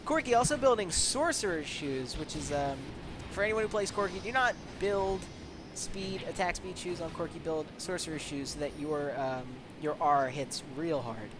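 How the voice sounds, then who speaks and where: A man giving color commentary on a video game match, excitable and jokey, breaking into loud exclamations. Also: fairly high pitch, moderate pace, noisy background. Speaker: esports co-commentator.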